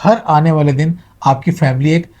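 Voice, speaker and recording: A man's voice: fairly high pitch, steady tone, dark tone. A middle-aged man giving a motivational talk to viewers, earnest and advising, mixing in English words. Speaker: motivational speaker.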